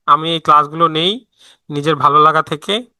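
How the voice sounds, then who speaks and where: Bright, chatty tutor. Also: male voice, on the high side, steady tone, normal speed, smooth, no room sound. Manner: chatty, answers viewer messages mid-lesson; frequent fillers and self-restarts. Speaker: online freelancing instructor. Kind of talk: live online class, casual teaching.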